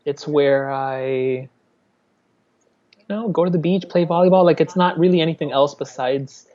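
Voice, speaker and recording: The audio is dull, but the voice is warm and a little high, moving at a moderate pace. It belongs to a thirty-something artist from Miami, Florida, who is a guest in a casual interview. He talks openly and keeps restarting sentences.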